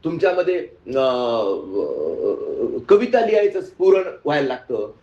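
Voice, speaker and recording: A man's voice: mid-range voice, wildly swooping pitch, slow, dark tone. A male spiritual teacher telling a story in a sermon and asking his audience questions. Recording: echoey room, muffled sound.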